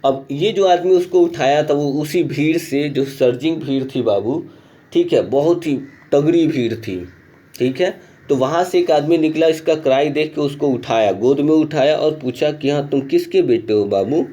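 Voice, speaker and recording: A man's voice: on the high side, mellow. A male teacher reads a textbook chapter aloud. He then explains it in a chatty way and keeps checking in with the class. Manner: reads English text slowly, then explains it in chatty Hindi with repeated check-ins.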